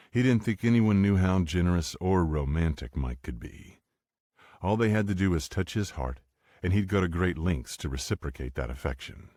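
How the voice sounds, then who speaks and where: A man reading an audiobook romance in a steady, unhurried narration. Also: low-pitched, dry recording, studio quality. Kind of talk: scripted narration.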